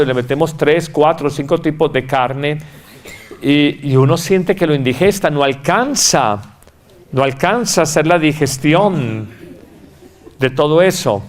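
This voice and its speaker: Predicador paisa de voz algo aguda. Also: male voice, on the high side. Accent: Colombian Paisa (Antioquia). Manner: emphatic and repetitive, acting out quoted voices. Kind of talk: sermon.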